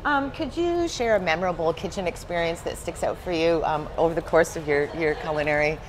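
A woman's voice: on the low side, a little fast, slight background noise, rough recording. A woman in her sixties, a magazine interviewer asking questions in a chatty, friendly way, laughing easily, in a restaurant booth. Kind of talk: casual interview.

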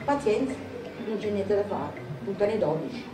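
A woman reading aloud and voicing an imperious old grandmother in the grip of gambling fever, shrill and commanding. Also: big pitch swings, normal speed, background noise, close to an everyday voice. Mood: insistent. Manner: shrill, commanding, breathless urgency. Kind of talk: dramatic literary reading. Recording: echoey hall, distant mic, music.

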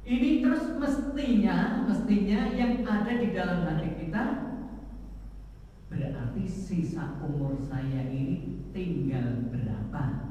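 A man giving a slow, emphatic sermon in a large mosque hall, now and then singing a phrase, recorded by a far camera. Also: a little high, mellow, a little hiss or hum. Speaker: religious teacher. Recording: echoey hall from far off, dull.

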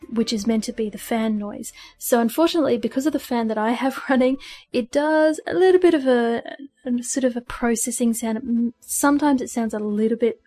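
Chatty higher-voiced woman explaining. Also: a little fast, warm tone. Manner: chatty, laughs at herself. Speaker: streaming tutorial host. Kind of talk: casual screen-recorded tutorial. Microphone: desk microphone with audio filters. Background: fan hum and birds.

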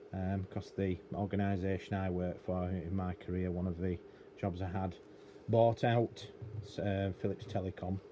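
A deep, mellow male voice belongs to a middle-aged British radio technician and hobbyist presenter. He gives an off-the-cuff, rambling, matter-of-fact practical explanation at a cluttered indoor electronics workbench, and there's noticeable room noise behind his voice.

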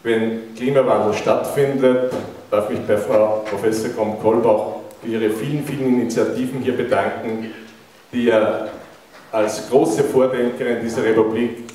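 A middle-aged Austrian man delivers a public lecture at a middle pitch, putting questions to the listeners. He speaks into a handheld mic in a big, very echoey lecture hall. The recording picks him up from a distance, with a faint hiss underneath. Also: steady tone, moderate pace, mellow. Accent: Austrian German. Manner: engaging, asks the audience questions. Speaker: keynote speaker. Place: large university lecture hall, indoors. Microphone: handheld mic, recorded by a far camera.

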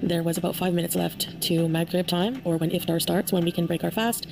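A woman's voice: fairly low pitch, fairly even intonation, brisk, vocal fry, noisy background. A woman narrating her own vlog in a chatty, gushing and enthusiastic voice-over. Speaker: vlogger. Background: background music.

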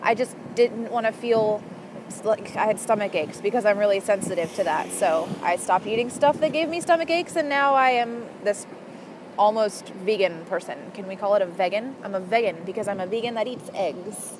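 A woman's voice: mid-range voice, moderate pace. A young woman chats casually to camera in a rambling, informal way, speaking into the mic on her earphones outdoors. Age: young adult. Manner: informal, rambling, frequent "like" and "you know". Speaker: vlogger. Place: outdoors in an urban park. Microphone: earphone mic used as microphone. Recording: outdoor background noise, headphone mic.

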